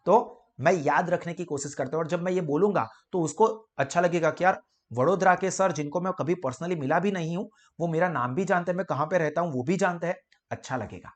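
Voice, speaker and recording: A young man giving a casual, animated classroom lecture and acting out little dialogues between people. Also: a little high, a little fast. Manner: animated, mixes Hindi, Gujarati and English, acts out little dialogues. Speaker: commerce lecturer.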